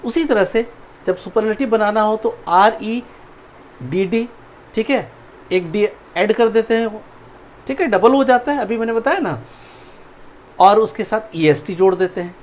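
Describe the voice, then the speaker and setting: A male teacher gives a grammar video lecture, spelling words out letter by letter in a high, unhurried voice with frequent pauses. He keeps checking understanding with "ठीक है" and "समझ में आया?", and there's slight background noise.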